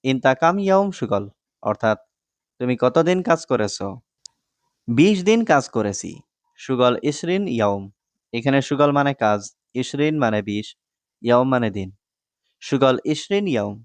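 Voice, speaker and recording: A man from Bangladesh giving a scripted lesson, explaining phrases word by word in a steady, repetitive way. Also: mid-range voice, clean tone, no room sound. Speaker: Arabic language teacher.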